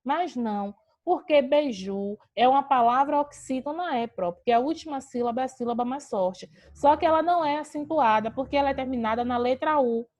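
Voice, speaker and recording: A woman from Brazil teaches grammar on a video call, her slightly high voice carrying a darkish tone. She talks a little fast with few pauses, patiently explaining each rule by posing a question and answering it herself.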